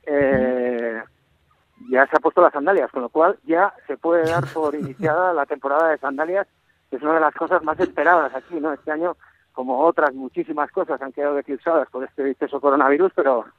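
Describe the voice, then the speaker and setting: A male correspondent calling in on a thin phone line with no bass, his voice muffled by a face mask, talking casually with many restarts. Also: brisk, no echo. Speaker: foreign correspondent. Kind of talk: casual live call-in chat. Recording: dry, tinny phone line.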